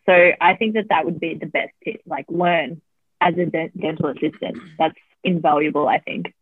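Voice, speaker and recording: A woman's voice: deep voice, steady tone, moderate pace, breathy edge, no echo. A woman, an oral health therapist, answering interview questions in a chatty way with plenty of fillers, heard over a remote call. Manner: chatty, laughs easily, frequent fillers. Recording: tinny phone-line sound, dry.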